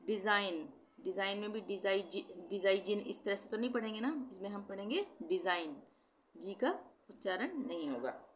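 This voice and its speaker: A woman's voice: mid-range voice, lively intonation, slight background noise. Hindi-speaking woman teaching pronunciation. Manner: spells words letter by letter, repeats them slowly, corrects her own slips. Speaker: English teacher. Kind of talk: classroom-style lesson explaining pronunciation.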